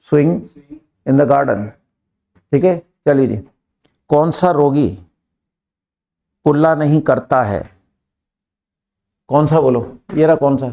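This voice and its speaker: A man with an Indian accent teaching a live English class, drilling students and pushing them to answer quickly. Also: a little high, vocal fry, dark tone.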